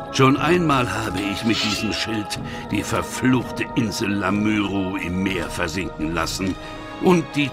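An actor playing a solemn ancient sorcerer's ghost risen from the grave, speaking gravely and declaiming in a horror audio drama. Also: male voice, low-pitched. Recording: music behind the voice.

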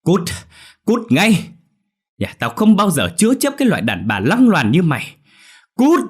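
A man's voice: wildly swooping pitch, moderate pace, slightly rough, full character voice. Man doing a shrieking cruel mother-in-law. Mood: furious screaming. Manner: screaming abuse, shrill.

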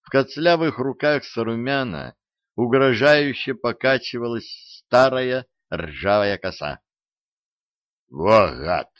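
A man reading a fantasy audiobook in a measured, expressive narration, in a dull, dry recording. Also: medium pitch, dry recording.

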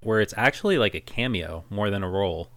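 A man's voice: on the low side, expressive, fairly quick, fairly bright tone, no echo. A man co-hosting a casual movie-review podcast, opinionated with dry sarcastic asides. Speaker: podcast co-host.

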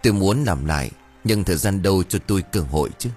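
A grieving old father, worn down by poverty and guilt, as a man reads him in a storybook. His deep, husky voice swings widely in pitch as he pleads in choked, remorseful words. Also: expressive, fast, darkish tone, faint music behind.

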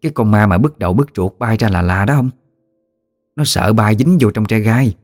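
A man's voice: on the low side, moderate pace, darkish tone, natural voice. A man voicing a bold, teasing middle-aged country wife, with a Southern Vietnamese accent.

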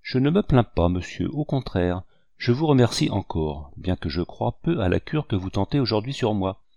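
A man's voice: lowish voice, very animated, moderate pace, vocal fry, dark tone, dry recording, highs cut off. A man reading the part of a lovesick young nobleman in an audiobook, earnest and dignified. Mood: resigned.

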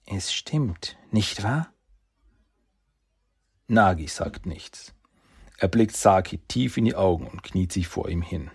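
A man narrates a story slowly and calmly. His voice is deep and very husky, with a strong gravelly creak. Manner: measured, quiet narration.

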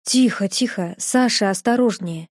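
A woman voicing a gentle, remorseful young man who speaks softly and tenderly in an audiobook. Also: mid-range voice, unhurried, no echo, clean studio sound, natural voice. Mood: concerned. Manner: soft, quiet, tender.

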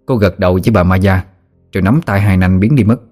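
Một người đàn ông giọng miền Nam kể truyện ma dân gian như sách nói, giọng mộc mạc, sinh động. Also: male voice, deep voice, fast talker, a little mellow, faint music behind. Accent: Southern Vietnamese. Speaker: storyteller. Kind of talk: audiobook narration.

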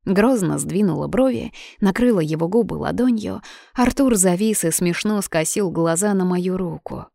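Woman audiobook narrator, low voice, very dry close sound, even telling. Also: normal speed, gravelly, dry recording. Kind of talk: first-person audiobook narration.

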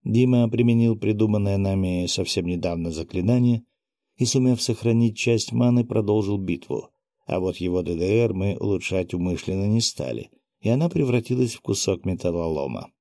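Gravelly low male audiobook narrator. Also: normal speed, mellow, no echo, studio quality. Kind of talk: first-person audiobook narration.

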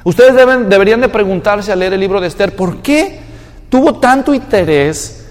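Pastor preaching, high voice, big echoey hall, keeps asking the crowd questions. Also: male voice, lively intonation, moderate pace. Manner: asks the congregation questions, acts out quoted believers. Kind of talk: sermon.

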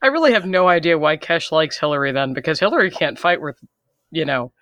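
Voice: medium pitch, animated, a little fast, fairly bright tone, no room sound. A player in a tabletop game podcast, making wry, dry remarks in casual chat.

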